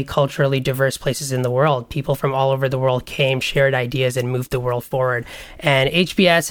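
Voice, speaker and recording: A young man from Bangladesh, a podcast guest telling his story in an earnest, measured way with frequent fillers. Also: medium pitch, fairly bright tone, clear, resonant tone, no echo. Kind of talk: podcast interview.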